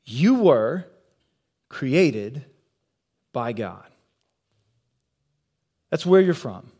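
A man preaching a sermon, earnest and unhurried, pausing for emphasis and posing rhetorical questions. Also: mid-range voice, big pitch swings, warm tone, breathy edge. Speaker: pastor.

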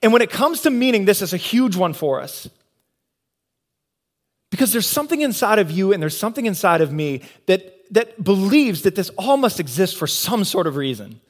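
A man preaching a sermon, earnest and unhurried, pausing for emphasis and posing rhetorical questions. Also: high voice, sing-song. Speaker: pastor.

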